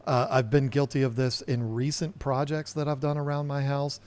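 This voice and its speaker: A man's voice: medium pitch, little pitch movement, moderate pace, a little mellow, clean tone. A man co-hosting a casual podcast, chatting conversationally, telling stories from his own experience and stating his opinions firmly. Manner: conversational, storytelling, emphatic opinions. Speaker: podcast co-host.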